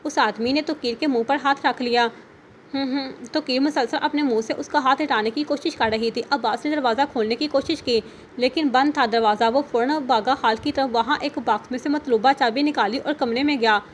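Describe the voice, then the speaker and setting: A woman narrating an audio novel in a steady storytelling manner. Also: high-pitched, brisk, a little hiss or hum.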